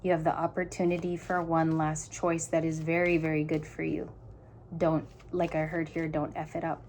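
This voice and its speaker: Talking through a tarot spread for her viewers, a tarot reader muses aloud in a casual way, breaking off and restarting her sentences. Her voice is fairly low and darkish, level in tone and at normal speed, addressed earnestly and directly to the listener. A faint hiss runs behind her.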